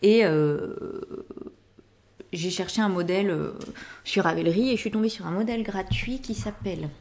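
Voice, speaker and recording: A woman's voice: mid-range voice, normal speed, darkish tone. A middle-aged woman hosting a knitting and sewing podcast, chatting her way through her finished projects and often wrapping up with "voilà". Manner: chatty, rambling explanations with frequent "voilà". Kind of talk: casual show-and-tell of finished projects.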